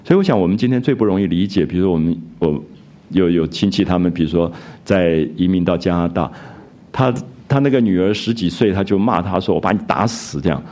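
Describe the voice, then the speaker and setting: Older guy, talking through a classic novel like a relaxed lecture, deep-ish mellow voice, lots of "ah" and restarts. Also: quick pace. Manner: conversational, frequent filler "啊" and restarts, quotes characters in raised voice. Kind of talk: recorded literature lecture.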